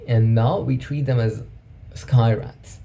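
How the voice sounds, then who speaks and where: A man's voice: medium pitch, fairly even intonation, slow pace, vocal fry, dark tone, slight background noise. A man talking through his thoughts in a casual, reflective monologue, thinking aloud and often checking in with "right?". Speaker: vlogger.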